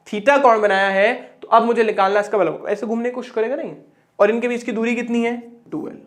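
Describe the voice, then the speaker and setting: A young man with a high-pitched voice teaches physics at a board. He's chatty, asking his own questions and answering them, and repeats words for emphasis.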